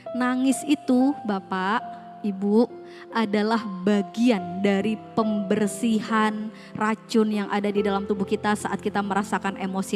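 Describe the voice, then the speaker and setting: A woman on a school's staff giving a casual parenting seminar, speaking straight to parents and asking them rhetorical questions. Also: mid-range voice. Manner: conversational, mixes casual slang. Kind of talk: parenting seminar talk with slides.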